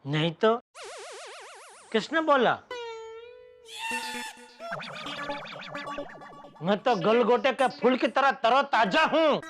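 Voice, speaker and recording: A harried middle-aged businessman, complaining theatrically in a TV sitcom. Music plays clearly behind him. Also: extremely high pitch, animated, measured pace. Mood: weary. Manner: complaining, theatrical sighs of fatigue. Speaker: actor. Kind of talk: sitcom acting.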